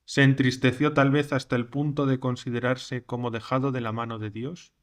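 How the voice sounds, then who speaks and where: Male reader, mid-range voice, measured declamatory sermon reading. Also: mid-range voice, level tone. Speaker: reader of a recorded sermon text.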